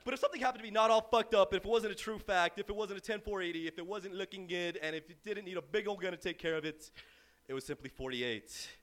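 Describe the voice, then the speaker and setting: A man's voice: high voice, fast, fairly bright tone. A young man from southern Arizona performing a comic slam poem on a live stage with a wry storytelling rhythm. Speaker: slam poet. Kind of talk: performance poetry.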